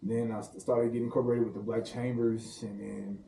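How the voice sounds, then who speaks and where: A man's voice: on the low side, level tone, a little fast, creaky, warm tone, a little hiss or hum. A man from St. Louis, a private chef, chatting casually as a podcast guest, telling loose, laughing, slangy stories. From St. Louis, Missouri. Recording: roomy room, distant mic, faint ambience.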